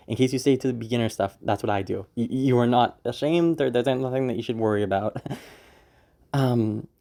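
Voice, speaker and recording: A man's voice: medium pitch, mellow. Man giving a rambling voice acting tutorial. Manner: rambling, laughs often, restarts. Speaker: voice acting teacher. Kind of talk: casual spoken tutorial.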